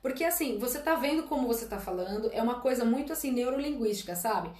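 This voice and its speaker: During a live-stream Q&A, a Brazilian English teacher in her late twenties, formerly a flight attendant, offers blunt career tips with a quick pace and lively intonation. Her slightly high voice has a darkish tone and echoes in the room. She keeps checking in with "tá?" and "gente", direct and emphatic throughout.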